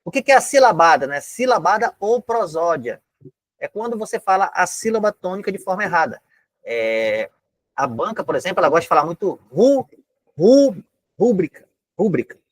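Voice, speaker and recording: A man's voice: a little high, a bit bright, dry recording. A Brazilian man teaching an exam-prep lesson from home, chatty, with many filler tags and step-by-step explanations. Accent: Brazilian Portuguese. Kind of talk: casual online lesson. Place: home room.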